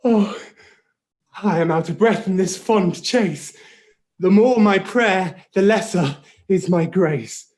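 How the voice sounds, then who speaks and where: A woman's voice: medium pitch, takes it slowly, darkish tone. A woman reading the part of Helena, a lovesick young woman, in pleading verse recitation. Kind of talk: amateur Shakespeare reading.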